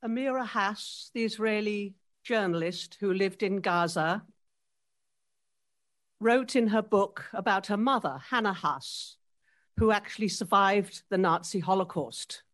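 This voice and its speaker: Woman, public comment speech, urgent and impassioned, mid pitch. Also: measured pace, fairly bright tone.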